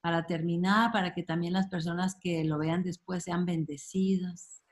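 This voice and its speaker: A woman leading a casual group Bible study over a video call, speaking slowly and warmly with frequent fillers. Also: lowish voice, steady tone, a little hiss or hum. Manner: warm, unhurried, many fillers like "este" and "ujú".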